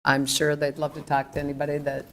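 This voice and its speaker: A woman with a low voice runs a city council work session. She moves the agenda along in a brisk, businesslike way. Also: monotone, fairly bright tone, slight background noise. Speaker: council meeting chair. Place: council chamber.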